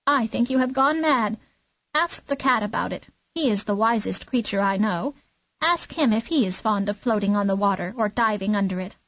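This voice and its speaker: A woman voicing a bossy, self-important hen who scolds in a raised, high voice. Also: animated, normal speed, fairly bright tone, dry recording, dull audio. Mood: scolding.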